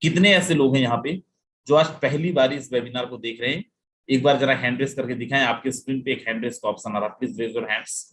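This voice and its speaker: A man's voice: mid-range voice, a little fast, a bit bright. A man presenting a live sales webinar, emphatic and full of rhetorical questions, often mixing in English phrases and calling listeners "my friend".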